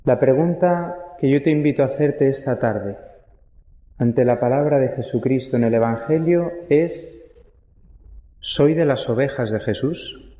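A man's voice: medium pitch, a little slow. Man, young, Spanish accent, priest's sermon, reflective asides, echoey church. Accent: Spain. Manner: reflective preaching with quiet rhetorical asides. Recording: echoey church, long reverb, dull sound.

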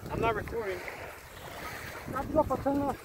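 A man's voice: extremely high pitch, fairly quick, distant mic, very noisy. A young man on a beach at night, coaxing a hooked fish as he reels it in, picked up by a camera. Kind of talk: casual talk while fishing.

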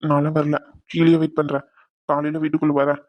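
A man voicing a hurt, remorseful young husband who talks low and earnestly to his wife. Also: monotone, brisk, dry recording, dull audio, natural voice. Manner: subdued, earnest.

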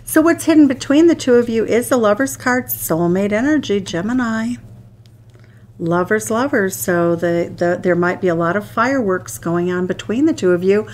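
A woman's voice: mid-range voice, lively intonation, normal speed, darkish tone. An Irish woman reading tarot cards to camera, enthusiastic and exclaiming over each card as she turns it. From Ireland. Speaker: tarot reader. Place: indoors at a card table. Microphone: hands only seen, overhead camera on table.

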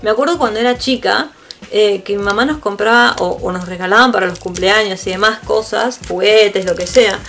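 A woman's voice: mid-range voice, normal speed, fairly bright tone. A woman with an Argentine Spanish accent chatting casually and rambling through an unboxing, swearing offhandedly and often laughing. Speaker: vlogger.

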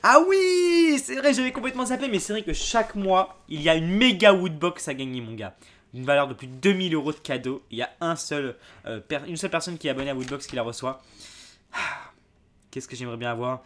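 A young man chatting casually as he unboxes a subscription box, excitable and quick to exclaim and laugh. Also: fairly high pitch.

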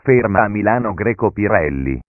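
A man's recorded voice giving automated train station announcements in measured, segmented phrases pieced together with uneven pitch jumps. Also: expressive, dry recording. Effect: announcement heard as a recorded station PA message. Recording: narrow, phone-like, dry PA audio.

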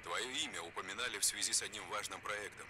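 A man's voice: on the low side, fairly even intonation, fast talker, noisy background. An actor playing a curt male military commander, heard over a radio in a game.

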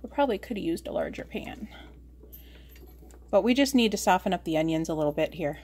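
Chatting as she cooks, an American woman hosts a casual kitchen video filmed with a tripod-mounted camera in a noisy home kitchen. She has a fairly low, darkish voice and speaks animatedly and a little fast.

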